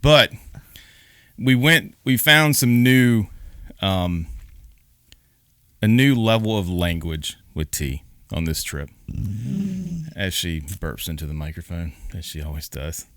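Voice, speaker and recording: A man's voice: deep voice, takes it slowly, long pauses, a bit bright, dry recording, clean studio sound. A man co-hosting a podcast, chatting casually in a rambling way with restarts and frequent laughs. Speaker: podcast co-host. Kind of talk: casual chat.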